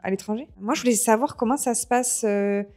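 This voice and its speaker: A woman's voice: fairly high pitch, brisk, a little mellow. A woman hosting a casual interview, chatty and often answering with short agreements. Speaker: interviewer, host.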